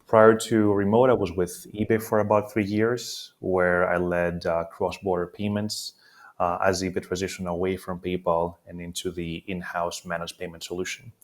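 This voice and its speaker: Male guest from Greece, very deep even delivery, measured and explanatory, lots of "uh" fillers. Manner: steady explanatory talk with frequent "uh" fillers. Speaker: guest, payments executive. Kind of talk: conversational interview answers.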